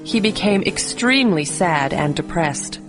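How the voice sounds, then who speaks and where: A woman reading a scripted bedtime story for children in a clear, expressive storybook delivery. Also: fairly low pitch, unhurried, music in the background.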